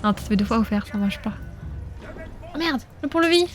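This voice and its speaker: A woman's voice: a little high, animated, brisk, faint music behind. A woman streaming a video game, chatting casually and playfully with her viewers and laughing often. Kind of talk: casual live gameplay commentary.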